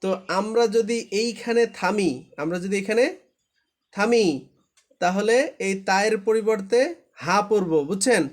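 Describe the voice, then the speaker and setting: A man's voice: high voice, fairly even intonation, measured pace, pauses often. A man teaching Quran recitation in a live online class, patient and repetitive, often checking that students understand.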